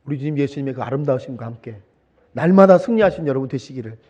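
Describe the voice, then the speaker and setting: A pastor in his fifties delivering a sermon, moving between loud, emphatic cries and soft, hushed asides. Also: mid-range voice, animated, fast talker, slightly rough. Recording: muffled broadcast audio.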